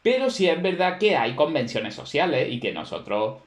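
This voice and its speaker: A man's voice: on the high side, sing-song, normal speed, reverberant. A man teaching a class, explaining at length in a conversational way with many fillers and rhetorical questions to his students. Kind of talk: classroom lecture.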